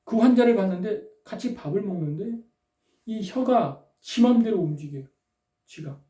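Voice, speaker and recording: Woman preacher, mellow tone, rhetorical and prodding, roomy church sound off-mic. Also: medium pitch, lively intonation, normal speed. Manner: rhetorical, prodding listeners with tag questions. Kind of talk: sermon. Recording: roomy echo, distant from the mic.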